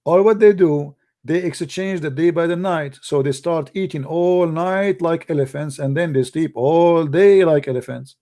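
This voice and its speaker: A man's voice: fairly high pitch, normal speed, few pauses. Sarcastic man with a raised voice. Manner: sarcastic, animated, laughs mockingly; broken English grammar. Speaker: online commentator. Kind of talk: ranting monologue.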